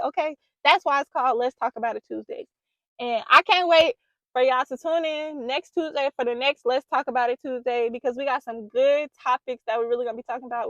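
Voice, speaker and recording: A woman's voice: high-pitched, dry recording. A young woman giving relationship advice to camera, emphatic and preachy, repeating herself for emphasis, recorded close on a microphone at home. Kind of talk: casual advice talk to camera. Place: small room at home.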